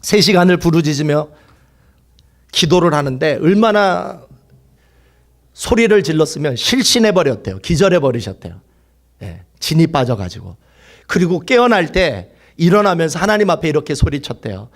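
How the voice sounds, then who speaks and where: A male pastor preaching a fervent sermon, swinging from loud exclaiming to hushed whispers and having the congregation repeat lines after him. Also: fairly high pitch, big pitch swings, moderate pace.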